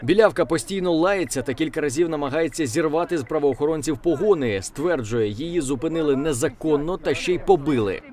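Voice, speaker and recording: Male reporter voice-over, slightly high. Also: lively intonation, background noise. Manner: measured, formal. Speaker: news reporter. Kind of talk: scripted voice-over narration.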